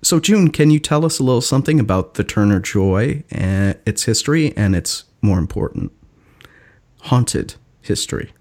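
A man's voice: lowish voice, lively intonation, moderate pace, darkish tone. Playful male podcast co-host. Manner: playful, jokey banter. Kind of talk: casual podcast chat. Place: Seattle.

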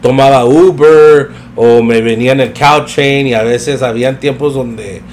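A young man telling a story in a relaxed, slangy way, mixing in English phrases. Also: mid-range voice, unhurried, slight background noise. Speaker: podcast guest telling his career story. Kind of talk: casual storytelling chat.

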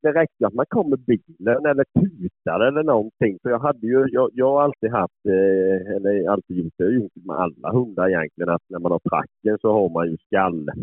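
A man's voice: sits low, no room sound. A man, a dog owner and hunter, telling rambling stories in a casual way, swearing often and chuckling as he goes. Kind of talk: casual storytelling. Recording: phone-like lo-fi, dry.

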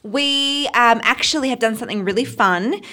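A woman's voice: on the high side, normal speed, pushed and bright. An Australian woman on a church podcast, explaining ideas eagerly in a chatty, enthusiastic way. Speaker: children's ministry leader. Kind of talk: casual podcast chat.

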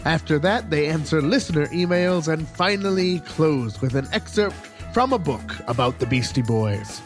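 A man's voice: fairly high pitch, animated, normal speed, soft background music. Playful man reading a podcast rundown. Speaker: podcast intro narrator. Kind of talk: scripted episode rundown.

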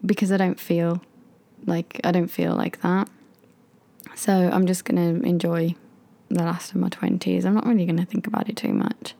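A woman's voice: lowish voice, level tone, moderate pace, gravelly, mellow. A woman in her late twenties co-hosting a casual podcast, chatty and reflective, laughing often. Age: 20s. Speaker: podcast co-host.

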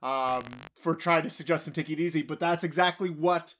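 A man's voice: fairly high pitch, moderate pace, a bit bright. A man co-hosting a casual history podcast, bantering with mock outrage and jokes. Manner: joking, mock-indignant banter. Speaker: podcast co-host.

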